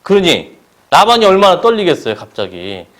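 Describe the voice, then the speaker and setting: Lively Korean male preacher. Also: high-pitched, normal speed. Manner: asks the congregation question-and-answer pairs. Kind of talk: sermon. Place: church service.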